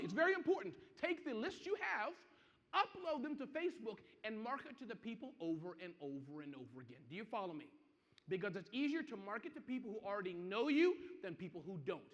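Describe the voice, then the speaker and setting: High-voiced, energetic male seminar presenter. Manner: energetic, keeps checking in with the audience. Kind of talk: interactive business seminar talk. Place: seminar hall with a live audience. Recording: muffled, echoey hall.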